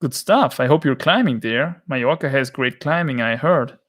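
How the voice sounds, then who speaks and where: A man's voice: medium pitch, normal speed, fairly bright tone. A man with an Austrian accent chatting casually on a livestream, rambling and joking as he answers viewers' chat. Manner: rambling, joking, reads chat comments aloud.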